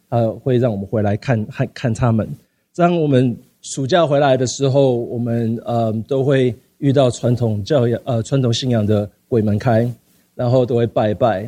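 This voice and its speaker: Mellow-voiced man telling his story. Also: mid-range voice. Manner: halting, many fillers and repeated words, slips into English. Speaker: speaker sharing a personal testimony. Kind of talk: personal storytelling.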